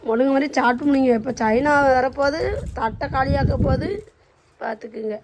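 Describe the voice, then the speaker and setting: A woman's voice: sits high, steady tone, a little fast, noisy background. A woman with a Tamil Nadu accent making teasing, bossy quips in casual family vlog banter.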